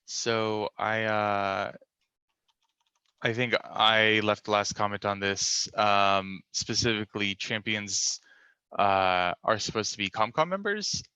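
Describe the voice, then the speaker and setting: A man chairing an online meeting in a casual, relaxed way. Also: lowish voice, clear, resonant tone, dry recording. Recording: dull, dry call audio.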